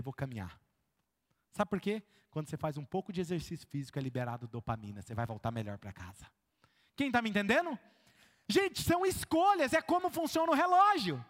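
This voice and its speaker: A man with a Brazilian Portuguese accent, a pastor preaching a sermon to a congregation, who keeps asking whether they follow him and acts out everyday scenes in a lowered voice. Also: a bit bright. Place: church hall with a congregation. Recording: long reverb of a church hall.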